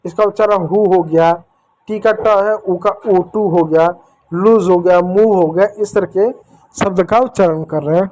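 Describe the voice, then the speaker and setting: A man teaching children a phonics lesson, going slowly through each letter sound. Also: high voice, darkish tone. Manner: slow, repetitive, drills each letter sound step by step.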